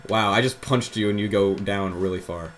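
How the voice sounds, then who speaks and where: A man's voice: fairly low pitch, a little fast, fairly bright tone, slight background noise, poor audio. A young man chatting casually while playing a game, joking and laughing as he gives his partner directions. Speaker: let's play host. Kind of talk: casual gameplay chat.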